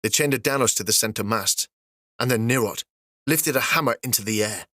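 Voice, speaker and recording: A man narrating a fantasy audiobook in a steady, even storytelling delivery. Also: medium pitch, brisk, no room sound, clean studio sound.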